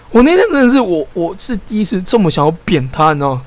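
A man, co-hosting a podcast and telling stories in casual chat, animated and exasperated, with frequent restarts. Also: sits high. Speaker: podcast co-host.

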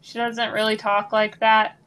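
A young Midwestern woman co-hosts a casual podcast, answering bluntly with a dry, sarcastic edge. Her voice sits slightly high. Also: monotone, measured pace, fairly bright tone, smooth. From Missouri. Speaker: podcast co-host. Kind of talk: casual chat.

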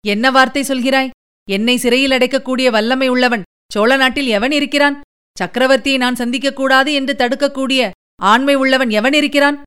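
A woman voicing a cautious, deliberate older male army chief who speaks in a measured way, weighing each point. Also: high-pitched, fairly even intonation, fairly bright tone, clear, resonant tone. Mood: grave.

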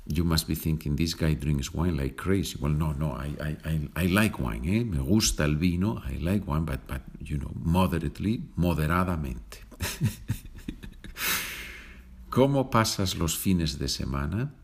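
A man hosting a podcast lesson, patiently explaining Spanish phrases in English and repeating them slowly. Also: extremely low pitch, expressive, darkish tone, husky. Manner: slow, patient, explains with small laughs and repeats. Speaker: Spanish teacher, podcast host. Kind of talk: slow bilingual language lesson.

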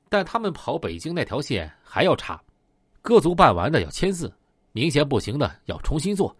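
A man voicing a middle-aged male police chief who gives orders in a measured briefing tone. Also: medium pitch, dry recording, studio quality.

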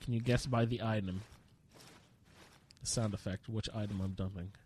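Slight background noise sits under a man's fairly low, darkish voice, which stays steady at normal speed. He's a gamer narrating his own playthrough with jokey, self-deprecating, rambling commentary, sniffling a little from a slight cold.

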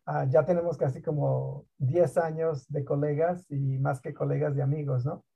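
A middle-aged man from Mexico, a guest on a talk program, telling his story in an animated, emphatic way and dropping in English words. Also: a little high, moderate pace, gravelly, husky. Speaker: guest, school district program director. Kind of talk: conversational interview storytelling. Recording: dull lo-fi online call audio.

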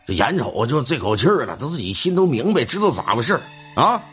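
A man voicing an elderly grand-uncle who talks low and steadily. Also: very animated, fast talker, fairly bright tone, faint music behind. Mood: calm persuading. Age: older.

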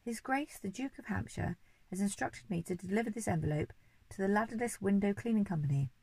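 Stiff, solemn chauffeur, very proper, mellow voice, a woman reading. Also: mid-range voice, animated, a little fast, gravelly, slightly rough, no echo. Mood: formal. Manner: formal, solemn. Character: stiff formal male chauffeur.

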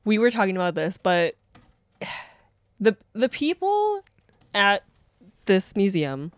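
American woman co-host, teasing banter, mid pitch, dead-dry mic. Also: huge pitch swings, slow pace, no room sound. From United States. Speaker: podcast co-host. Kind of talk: casual chat.

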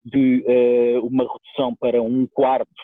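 A man with a European Portuguese accent and a medium-pitched voice speaks at a moderate pace with a completely flat delivery and no room sound. A musician and DJ, he answers as an interview guest in a casual, colloquial, wordy way over a tinny, phone-like line.

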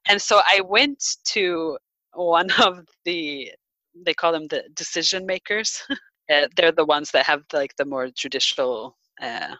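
Woman, 30s, casual storytelling, bright forceful tone, lowish voice, dry close sound, chatty with fillers. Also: no room sound, low-quality recording. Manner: animated, laughs often, lots of fillers. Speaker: guest telling a personal story.

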